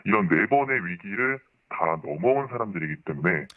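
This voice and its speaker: A man with a digitally disguised deep voice, answering a radio interview anonymously in a polite, formal, explanatory way. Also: animated, brisk. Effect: voice disguised, pitched down by modulation. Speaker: anonymous interviewee, former member of a religious group. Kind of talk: radio news interview testimony. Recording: muffled band-limited sound, roomy echo.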